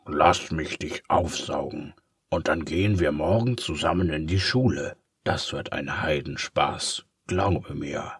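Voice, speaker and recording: Man doing a sinister ink-eraser pen, dark dripping whisper, scratchy, slow, creepy storybook villain. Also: rumbling low, slightly rough, no echo, clean studio sound, exaggerated voice. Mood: menacing.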